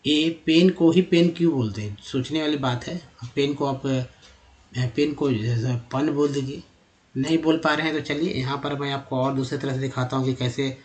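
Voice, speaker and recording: A man teaching English from India, explaining over slides in a patient way, repeating sounds slowly with many fillers. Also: mid-range voice, darkish tone.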